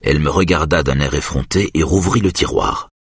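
A man narrating a novel in the first person, with a calm, measured delivery. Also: extremely low pitch, husky, no room sound, clean studio sound. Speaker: audiobook narrator.

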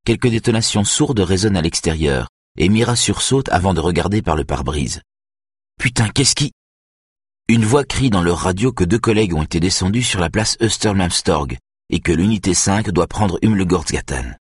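A man narrating an audiobook thriller in a steady, measured way. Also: low voice, breathy edge, dry recording, studio quality.

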